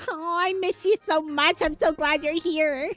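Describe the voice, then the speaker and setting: A woman's voice: sits high, steady tone, measured pace, a bit bright, faint music behind. A woman streamer chatting casually on a gaming livestream, rambling and filler-heavy as she reacts to her viewers.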